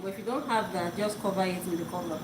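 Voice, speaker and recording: Talking fast in a voice on the low side, a Yoruba-speaking woman cooks in her home kitchen during a live stream. She's casual and chatty, repeating words while she works, and the echoey kitchen is loud with noise.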